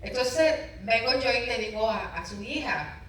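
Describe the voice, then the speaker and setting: Bright-voiced woman pastor in echoey room. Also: fairly high pitch, animated, normal speed, far from the mic, slight background noise. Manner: emotional, storytelling with dramatic retold dialogue. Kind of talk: personal testimony in an interview.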